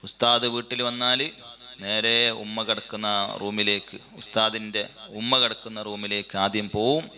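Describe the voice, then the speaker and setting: A man's voice: fairly low pitch, level tone, normal speed, sharp tone. A man giving a sermon, asking many rhetorical questions. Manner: rhetorical questions, emphatic rises. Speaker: Islamic preacher.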